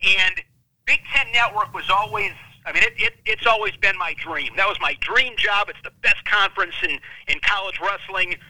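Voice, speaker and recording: A man in his thirties, a wrestling analyst, telling his career story as a podcast guest in an intense, high-strung way. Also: moderate pace, bright, forceful tone, no room sound, poor audio.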